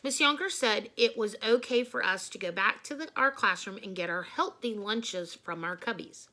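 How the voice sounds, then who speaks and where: A woman reads a children's storybook aloud like a teacher addressing young listeners, expressive and emphatic. Her pitch is medium and her speed normal.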